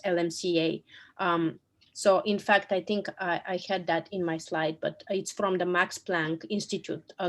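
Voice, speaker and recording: A woman who is losing her voice, answering technical questions on a video call, with many fillers and restarts. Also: lowish voice. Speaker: tutorial presenter.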